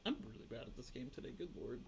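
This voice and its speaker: A man's voice: medium pitch, very fast, creaky, slight background noise, poor audio. A young man hosting a gaming video, chatting casually with a friend while he plays and venting in frustrated bursts. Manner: animated, frustrated outbursts, many "like" fillers.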